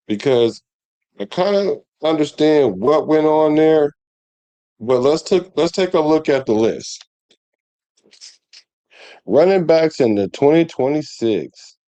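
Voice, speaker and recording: Rambling man, dark dry voice. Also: mid-range voice, no echo. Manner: rambling, conversational, with many restarts and fillers. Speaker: sports show host. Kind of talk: casual sports commentary to viewers.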